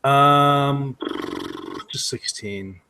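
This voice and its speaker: A man's voice: mid-range voice, drawn-out words, bright, forceful tone, a little hiss or hum. A man co-hosting a podcast in casual chat. He is laid-back and laughs easily. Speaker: podcast co-host.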